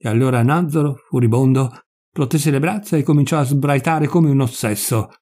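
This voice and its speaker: A man narrating a literary short story in a measured, expressive way. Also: medium pitch. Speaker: audiobook reader.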